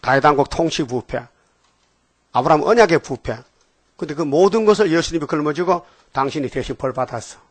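Animated preacher, slightly high, dry. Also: male voice, dry recording. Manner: animated preaching with sudden shouted outbursts and rhetorical questions; slows down to read scripture verses. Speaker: pastor. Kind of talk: sermon with scripture reading.

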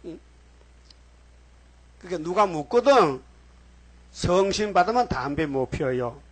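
Male pastor, husky and fairly high, preaching in a church with a loose, rambling delivery and direct questions to the pews. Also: big pitch swings, slow. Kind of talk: sermon.

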